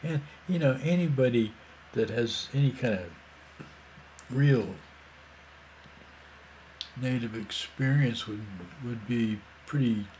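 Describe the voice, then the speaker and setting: A man's voice: medium pitch, takes it slowly, long pauses, a little mellow, a little hiss or hum. A man in his sixties telling a rambling, casual story full of fillers and asides. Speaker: vlogger.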